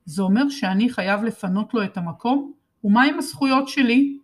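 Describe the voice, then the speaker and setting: A woman narrating a first-person children's book in a lively, expressive reading voice. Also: fairly high pitch. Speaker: storybook reader.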